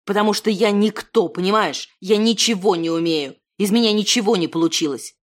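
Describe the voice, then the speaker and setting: A woman's voice: mid-range voice, brisk, natural voice. A woman voicing a self-deprecating thirty-year-old man, a failed artist who talks himself down. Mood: heated. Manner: self-deprecating, fumbling, then heated.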